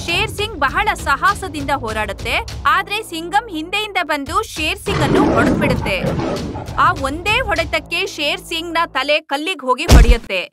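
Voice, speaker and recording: A woman voicing a protective mother lioness. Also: very high-pitched. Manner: pleading, storytelling. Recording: music under the voice.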